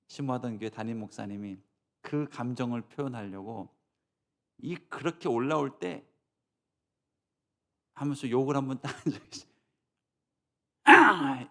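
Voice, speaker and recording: A man's voice: mid-range voice, moderate pace, long pauses, darkish tone. A male pastor preaching a sermon in a church, emphatic, often tossing rhetorical asides to the congregation.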